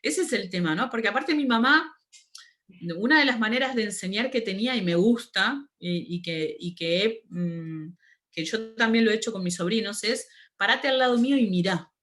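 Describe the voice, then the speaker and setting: Woman, interview guest, middle pitch, animated storyteller, laughs often. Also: moderate pace. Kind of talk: casual conversational interview.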